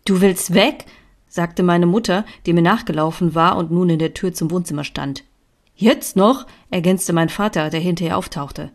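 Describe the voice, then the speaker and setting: A woman reading her own story aloud in an even, clear storytelling manner. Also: fairly low pitch, brisk, few pauses. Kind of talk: scripted narration.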